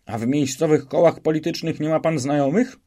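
A man's voice: a little high, a little fast, dark tone, voice pushed up, lightly acted. A man playing a barking, cruel police interrogator. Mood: harsh. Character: cruel, bullying police officer, middle-aged man. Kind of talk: audiobook reading.

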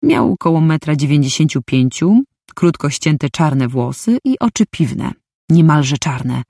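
A woman's voice: deep voice, expressive, measured pace, dark tone, dry recording, studio quality. A woman reading a first-person story aloud, with a wry, inner-monologue manner. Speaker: audiobook narrator.

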